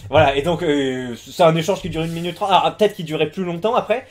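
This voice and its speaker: A man's voice: on the high side, fast talker. A man giving casual live commentary, rambling with many fillers, restarts and crude slang.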